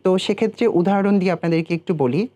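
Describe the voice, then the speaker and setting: A man from Bangladesh teaching pronunciation in a recitation lesson, speaking in a measured way and slowing down to spell out example words. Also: high voice, dark tone.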